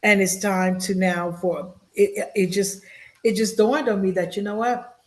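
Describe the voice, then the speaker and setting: A woman's voice: medium pitch, steady tone, normal speed. A woman in her fifties, a social worker, talking in a podcast interview in an earnest, emotional way, often repeating her words. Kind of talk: heartfelt interview talk.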